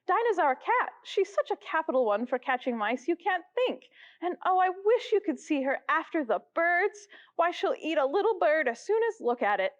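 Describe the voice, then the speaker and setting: A woman's voice: very high-pitched, sing-song, moderate pace, muffled recording. A woman voicing Alice, a curious young girl who is eager, easily upset and talks to herself.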